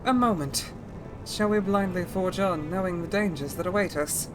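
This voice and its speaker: A woman's voice: fairly low pitch, normal speed, background noise, lightly acted. A woman as a proud, scornful bookish heretic. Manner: formal, cutting, reproachful.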